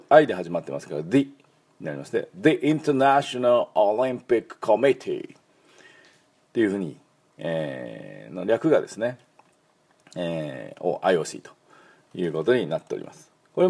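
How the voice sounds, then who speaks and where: A man with a low, gravelly, slightly husky voice, giving an English pronunciation lesson. His pitch swings widely as he drills words and pauses on fillers. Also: warm tone. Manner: many fillers, repeats words for learners to copy. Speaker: English school principal and teacher.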